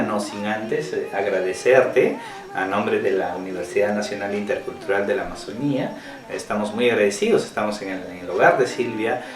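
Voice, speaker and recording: Hesitant low-voiced man interviewing. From Peru. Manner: hesitant, many fillers and restarts. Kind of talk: interview questions. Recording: roomy, mic at a distance.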